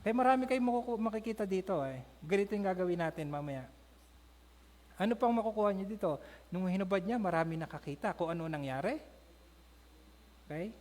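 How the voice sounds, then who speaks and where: A man with a Filipino accent teaching a Bible class, telling the story with lively acted-out lines. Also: high voice, brisk, long pauses. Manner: storytelling, acting out characters' lines. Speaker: pastor. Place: church hall. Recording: long hall reverb.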